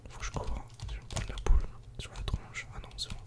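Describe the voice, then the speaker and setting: A woman murmurs quickly through a video game session in a breathy, unvoiced ASMR whisper, speaking partly to herself and partly to viewers.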